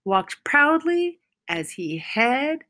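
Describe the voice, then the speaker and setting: In a high voice, a woman reads a children's picture book aloud as a storyteller would. Her phrasing is expressive and deliberate, and she stresses certain words.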